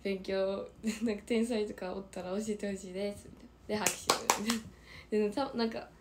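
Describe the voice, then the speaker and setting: A woman with a Kansai accent and a hoarse, strained throat, chatting casually on a livestream and reading out viewer comments, often dropping into a breathy whisper. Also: medium pitch, fairly even intonation, brisk, a little hiss or hum. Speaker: idol livestreamer.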